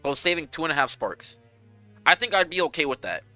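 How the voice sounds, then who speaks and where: Young man, game streamer, casual rambling chat, slightly high voice, bright and forceful tone, faint music behind. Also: fairly quick, no echo. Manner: animated, rambling, swears freely.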